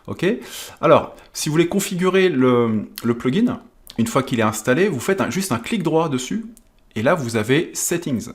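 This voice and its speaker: A man giving a chatty software tutorial over a screen recording, sprinkling in little fillers and wry asides about himself. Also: on the high side, lively intonation, moderate pace. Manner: chatty, with fillers like hop and voilà.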